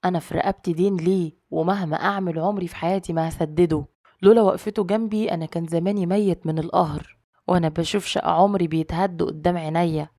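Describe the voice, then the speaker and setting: Woman reading stern Egyptian dad, scolding, quick and dark-toned. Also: on the low side, fairly even intonation, no echo, clean studio sound, lightly acted. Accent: Egyptian Arabic. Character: stern middle-aged father, short-tempered.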